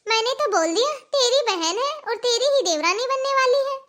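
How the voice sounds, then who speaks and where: Lady voicing a patient middle-aged mom in a cartoon, high voice, keeps saying "beta", explains things slowly. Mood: calm. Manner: coaxing, repeats "beta", reasoning calmly. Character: middle-aged mother, patient, gently lecturing. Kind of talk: cartoon voice acting.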